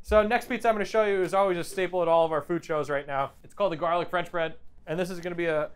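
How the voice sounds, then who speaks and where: Guy from a pizza company showing off products, talks fast, clean smooth voice. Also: steady tone. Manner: upbeat sales pitch. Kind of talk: product demonstration.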